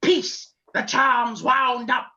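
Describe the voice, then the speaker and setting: A theatrical witch chanting incantations voiced by a man in a rehearsal scene. The delivery is very slow and drawn out, with a sharp bright edge. The audio is a little dull and muffled. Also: little pitch movement, full character voice. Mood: incanting. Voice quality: declaiming with sweeping pitch. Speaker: actor playing a witch in rehearsal.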